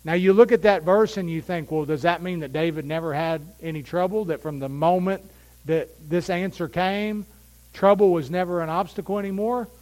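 A man preaching a sermon, swinging from loud, impassioned calls to quiet, intimate asides. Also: on the high side, fairly even intonation, moderate pace, low-quality recording. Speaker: pastor.

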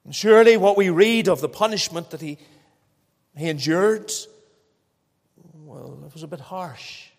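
A man's voice: sits high, lively intonation, a little slow, pauses often. A man with a Northern Irish accent preaching an evangelical sermon in a dramatic manner, full of rhetorical questions and repetition. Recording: echoey hall with long reverb.

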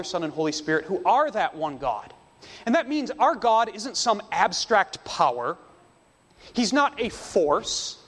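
Slow, emphatic high-voiced male preacher. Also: a bit bright, big-room sound. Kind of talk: sermon.

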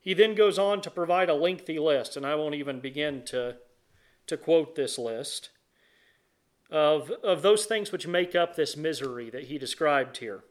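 A man preaching a sermon and leading prayer from the pulpit, earnest and measured, pausing between phrases. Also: fairly high pitch. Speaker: pastor.

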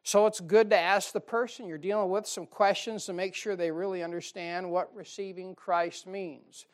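A man preaching a sermon on soul-winning, shifting from loud emphasis to quiet asides and slowing down to read scripture. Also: sits high, steady tone. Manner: reads scripture in slow, drawn-out emphasis.

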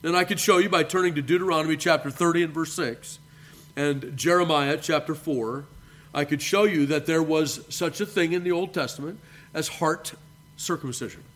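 A man, a pastor, preaching a measured sermon and reading scripture aloud. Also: on the high side, a bit bright. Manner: addresses listeners as beloved.

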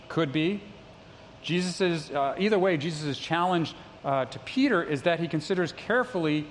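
Speaking to his congregation, a middle-aged pastor keeps the sermon easygoing and chatty, poking fun at himself now and then. For a man he pitches slightly high; a large hall lends long reverb, and faint hiss sits beneath it all.

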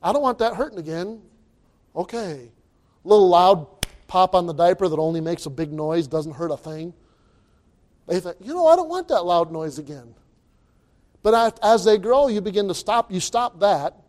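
This pastor's voice sits high and sounds a little mellow. His informal sermon is emphatic and folksy, full of colloquial wording, repeated phrases, and sentences he starts over.

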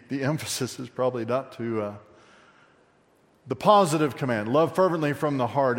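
Male pastor, mid-pitched voice, conversational sermon with a long hall echo. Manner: conversational preaching with asides to the congregation.

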